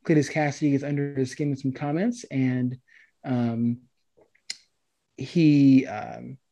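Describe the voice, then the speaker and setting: A man's voice: medium pitch, steady tone, takes it slowly, gravelly, dark tone, lo-fi sound. A man chatting casually about a film he just saw, hesitant and meandering, with many ums and restarts. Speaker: movie review co-host. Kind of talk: casual chat.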